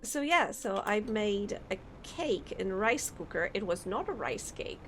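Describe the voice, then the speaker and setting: Very animated but a little slow, a woman with a mid-range voice chats with viewers during a game live stream. She rambles and thinks aloud casually, her throat a bit sore, while faint game music plays.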